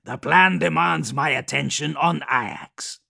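A man voicing a huge, rotting male plague daemon, proud yet insecure, who speaks in louder, higher defensive outbursts. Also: slow pace, gravelly, full character voice. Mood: defensive, agitated.

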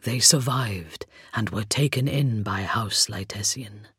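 Rasping hollow skeleton knight, very deep, slow, breathy, husky, storybook villain-turned-servant. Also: fairly bright tone, no room sound, clean studio sound, heavily acted. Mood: grave devotion. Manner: slow, grave, breathy whispering delivery. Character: undead skeletal knight, male, solemn and devoted. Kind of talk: audiobook character voice.

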